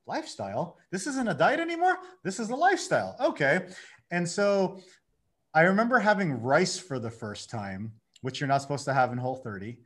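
Man, thirties, fairly high voice, animated storyteller, podcast guest. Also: a little fast. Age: 30s. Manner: animated storytelling, acting out his own inner dialogue. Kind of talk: casual conversation.

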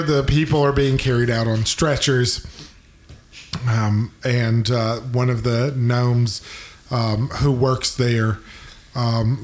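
A man narrating a tabletop game as game master, improvising in a halting, hesitant way. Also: mid-range voice. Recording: roomy, with background noise.

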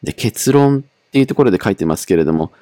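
Low-voiced chatty young man. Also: animated, fast talker, warm tone, no room sound, studio quality. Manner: chatty, self-mocking, many fillers. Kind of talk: casual monologue reading his old diary.

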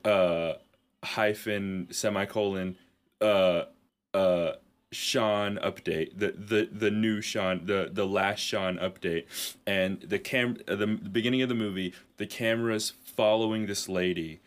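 Low-voiced man telling a crude comic story. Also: steady tone, a little slow. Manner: rambling, laughing, profane. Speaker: podcast co-host.

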